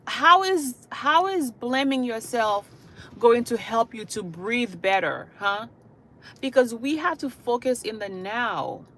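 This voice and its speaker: Speaking to her online viewers on a livestream, a Haitian woman who is a hospice caregiver and channel host delivers her points earnestly and repetitively, leaning on "you know" and "okay?" between them. Her voice sits fairly high with a fairly bright tone, and the recording is rough.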